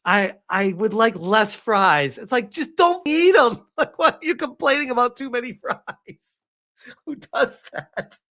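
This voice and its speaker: A very high-pitched, bright voice with a forceful tone and lively intonation belongs to a man speaking a little slowly. He's streaming casual commentary on a game review he reads aloud, answering live chat with sarcastic exasperation, chuckles and swearing.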